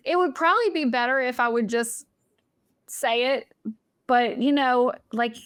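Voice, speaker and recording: A woman's voice: sits high, a little slow, smooth, no room sound, clean studio sound. A woman guesting on a podcast, chatting casually with lots of fillers and giggles. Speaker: casino YouTuber and guest.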